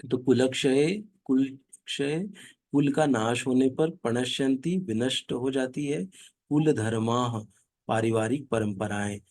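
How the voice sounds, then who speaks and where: A man leading an online reading group who chants verses slowly and then explains them in casual, conversational talk. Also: mid-range voice, a little mellow, dry recording. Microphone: online video call.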